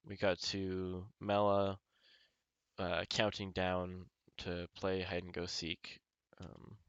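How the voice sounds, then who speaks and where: A man pitching a film story scene by scene, halting often with ums and uhs and reading the characters' lines in the same plain voice. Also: a bit bright, clear, resonant tone, no room sound, highs cut off.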